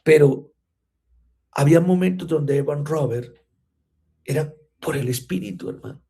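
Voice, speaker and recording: A man's voice: a little high, a little slow, mellow. A man teaching a church class, often checking in with his listeners through rhetorical questions. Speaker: Bible teacher.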